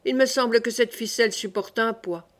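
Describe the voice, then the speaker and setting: A woman's voice: fairly high pitch, a little fast, natural voice. A woman reading an anxious, proud young queen. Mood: urgent. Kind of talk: audiobook reading.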